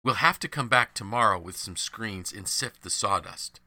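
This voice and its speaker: A man's voice: lowish voice, normal speed, sharp tone, no echo. A man voicing a weary workman who sounds resigned and practical.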